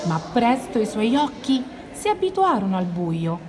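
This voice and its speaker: A woman reading a children's picture book aloud with expressive, measured narration. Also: medium pitch, a little hiss or hum. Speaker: reader.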